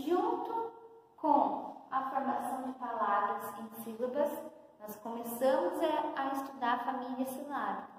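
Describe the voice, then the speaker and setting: A young woman from São Paulo state teaching a first-grade class, explaining slowly and patiently with many questions to the pupils. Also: sits high. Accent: Brazilian Portuguese, São Paulo state. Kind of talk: recorded lesson for young pupils. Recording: very echoey room, long reverb, faint noise.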